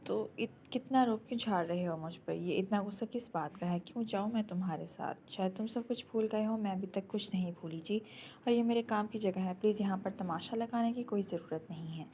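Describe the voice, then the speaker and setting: A woman's voice: medium pitch, warm tone, a little hiss or hum, lightly acted. A woman reading an audio novel, voicing a proud, stubborn young woman who speaks sharply and indignantly.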